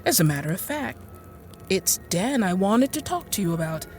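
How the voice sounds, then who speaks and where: In a radio drama, an actress with a mid-range, slightly mellow voice close to everyday speech plays a genteel, infirm middle-aged woman inventor who is bookish and politely apologetic. Speaking at normal speed with big pitch swings, she delivers monologue and dialogue in courteous, hesitant, old-fashioned language over soft background music.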